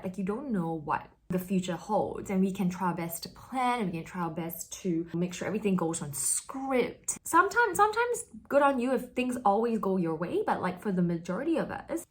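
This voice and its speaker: A young woman from Singapore, chatting casually to camera while getting ready, full of "like" and "you know". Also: medium pitch. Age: young adult. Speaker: vlogger.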